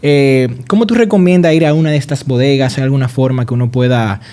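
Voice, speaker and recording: A man's voice: mid-range voice, fast, warm tone, clean tone. A man hosting a casual travel podcast, introducing his guest and asking questions in a friendly way. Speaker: podcast host.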